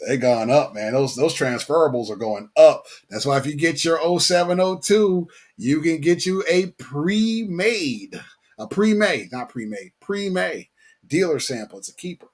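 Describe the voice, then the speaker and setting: A man's voice: fairly high pitch, expressive, measured pace. A man chatting casually as host in a slangy, laid-back way, often repeating his phrases. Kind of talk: casual chat.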